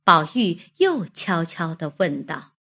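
A woman narrating a classic novel in a slow, expressive reading style. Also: on the low side, gravelly. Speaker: storyteller.

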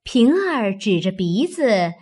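A woman narrating a classic novel in a slow, measured storytelling manner. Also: mid-range voice, big pitch swings, darkish tone, slightly rough.

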